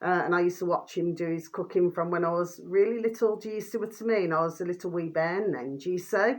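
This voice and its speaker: Low-pitched British woman in her fifties. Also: brisk. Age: 50s. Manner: repeatedly addresses listeners with pet names and tag questions. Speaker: vlogger recommending videos. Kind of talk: casual rambling talk to viewers.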